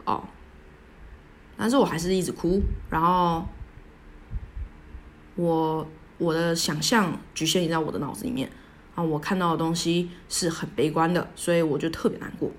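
A young woman tells a personal story alone as a podcast host, halting and self-deprecating, full of restarts. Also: sits low, steady tone, slight background noise.

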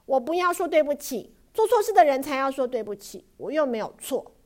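Woman narrator doing a sulky, stubborn little girl for a storybook, high and shouty. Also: big pitch swings, brisk. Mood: defiant. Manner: loud, protesting, high-pitched.

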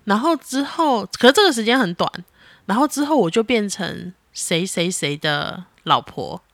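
A woman, chatting casually on a podcast as a mother talking with her child, animated and exasperated in a teasing way. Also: mid-range voice, moderate pace, dry recording.

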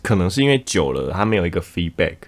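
Taiwanese-accented man, low voice with lively swings. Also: fast talker. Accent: Taiwanese Mandarin. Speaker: podcast co-host. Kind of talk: casual chat.

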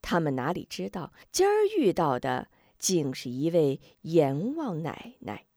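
Dramatic female storyteller, lively recitation. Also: deep voice, unhurried, no room sound, clean studio sound. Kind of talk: traditional Chinese storytelling narration.

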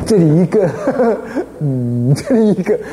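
Taiwanese monk giving a dharma talk, lots of "you get it?" questions, mellow tone. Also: male voice, fairly high pitch, measured pace, a little hiss or hum. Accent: Taiwanese Mandarin. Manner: animated storytelling, frequent rhetorical questions. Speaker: Buddhist abbot teaching. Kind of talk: dharma lecture.

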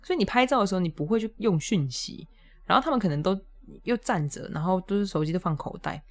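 A woman, hosting a podcast and telling a funny story in a casual, animated way, often laughing and jumping up high when exasperated. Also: fast talker. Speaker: podcast host.

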